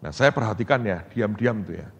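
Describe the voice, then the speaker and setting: A pastor preaching a sermon, calling the congregation "saudara" and swinging between hushed storytelling and loud, excited preaching. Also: male voice, lowish voice, brisk, husky. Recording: long hall reverb.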